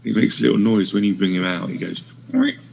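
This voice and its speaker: Gravelly deep-voiced man, faint and halting. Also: fairly even intonation, slight background noise. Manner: halting, searching for words. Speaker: guest podcast co-host. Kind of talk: casual gaming chat. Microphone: sits too far from his microphone.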